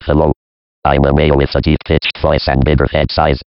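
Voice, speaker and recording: A male synthesized voice playing a deeper-pitched variant with a bigger head size, flat and robotic. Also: a little fast, gravelly, dry recording, dull audio.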